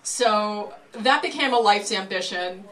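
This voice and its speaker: Female sideshow sword swallower, live stage act. Wry, self-deprecating comic delivery, mid-pitched voice, showy announcer pauses. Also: bright, forceful tone. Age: 30s or older. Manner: showman-like announcing with dramatic pauses. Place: live stage show before an audience.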